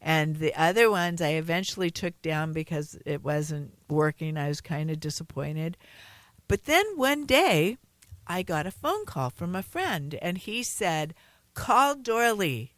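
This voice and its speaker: Middle-aged woman host, slow and earnest, coaching listeners in a chatty way, dry studio sound. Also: low-pitched, lively intonation, no echo. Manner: earnest, encouraging, chatty with fillers. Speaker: radio show host, holistic healer. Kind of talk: radio talk, teaching and storytelling.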